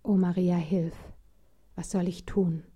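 Eine Frau, die ein verängstigtes Mädchen spricht, das leise und flehend betet. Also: female voice, fairly low pitch, little pitch movement, takes it slowly, breathy edge. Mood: pleading. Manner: pleading, hushed. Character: frightened young girl praying quietly.

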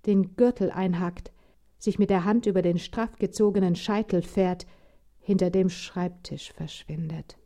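Frau mit dunkler, ruhiger Lesestimme. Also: female voice, on the low side, dark tone. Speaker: reader. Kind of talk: literary audiobook reading.

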